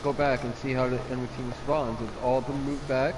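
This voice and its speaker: A man casting a live esports match, animated and chatty with lots of filler words. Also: mid-range voice, fast talker. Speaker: esports caster. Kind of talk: live game commentary. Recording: background noise.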